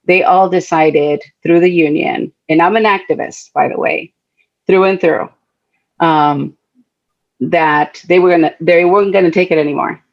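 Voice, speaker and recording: A woman's voice: deep voice, muffled recording. A middle-aged woman from Guatemala, speaking earnestly and conversationally as a panelist at a talk event, telling personal stories. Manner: earnest, heartfelt, conversational, with frequent fillers.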